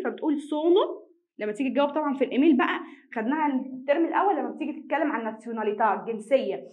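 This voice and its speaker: A woman's voice: high-pitched, darkish tone. A young Egyptian woman teaching an Italian class online in Egyptian Arabic, often asking the students a question and answering it herself. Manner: repeats each word twice slowly for students; asks and answers her own questions.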